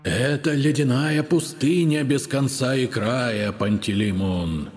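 A man voicing a vengeful, mournful male ghost who moans slowly in a booming, hushed, menacing voice. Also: soft background music, natural voice. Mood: moaning, menacing. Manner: moaning sepulchral voice, slow and drawn out.

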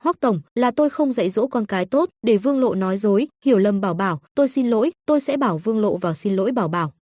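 A woman's voice: medium pitch, lively intonation, quick pace, darkish tone, no echo, studio quality, close to an everyday voice. A woman voicing an anxious, sweating businessman father in an audio story, earnest and flustered.

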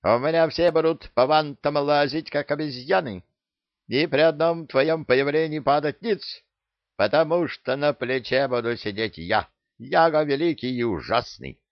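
A man voicing a cheeky, boastful male parrot who bullies the crew, with a shrill, cocky, bossy manner. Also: measured pace, no room sound, dull audio.

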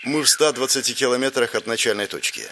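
A man's voice: mid-range voice, fast, pushed and bright, faint music behind, close to an everyday voice. A male reader voicing a weary, tough woman field commander who speaks in curt, hard-edged answers. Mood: tense.

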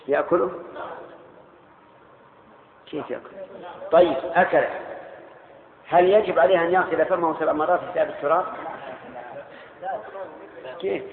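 An older male Islamic scholar teaching a class on jurisprudence, pausing and repeating phrases and putting questions to his students. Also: a little high. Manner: pauses and repeats phrases, asks the audience questions. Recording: echoey hall, tinny phone-like audio.

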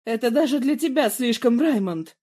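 A reader voicing a proud, sharp-tongued young woman who yells accusations in a story reading. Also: mid-range voice, lively intonation, moderate pace, slightly rough, pitched above the performer's own voice. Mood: furious. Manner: shouting, accusing.

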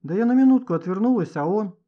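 A man's voice: high-pitched, lively intonation, fast, narrow, tinny audio, pitched above the performer's own voice. A man voicing a timid, whiny schoolgirl who sobs and pleads, in a storybook reading. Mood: tearful. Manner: sobbing, pleading.

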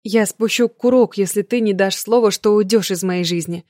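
Женщина читает за холодную обиженную девушку. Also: female voice, medium pitch, normal speed, no room sound, clean studio sound, natural voice. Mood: cold. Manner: cold, flat. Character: hurt young woman coldly rejecting her lover.

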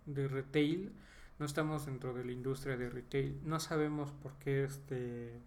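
Mexican male podcast co-host, gravelly, loose and rambling, heavy on fillers. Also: medium pitch. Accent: Mexican Spanish. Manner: rambling, many fillers and slang tags. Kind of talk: casual chat.

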